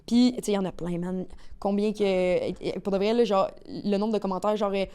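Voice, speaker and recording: A woman with a Québécois accent, a guest on a podcast, telling stories in rapid, slangy, animated casual talk. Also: mid-range voice, smooth. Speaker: guest, agency owner.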